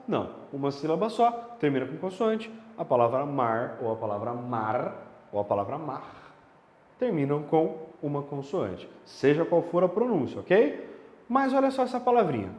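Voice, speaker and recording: Man teaching grammar, emphatic, lively pitch, slightly high voice, echoey room with long reverb. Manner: lively, emphatic, checks in with the listener often. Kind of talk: video lesson.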